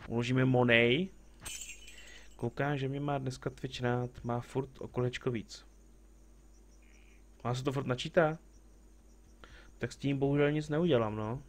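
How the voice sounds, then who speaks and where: A man's voice: mid-range voice, fairly even intonation, pauses often, a little hiss or hum. A man streaming a game, chatting casually, joking with the characters on screen and greeting viewers as they arrive. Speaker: live streamer playing a game. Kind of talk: casual gameplay commentary.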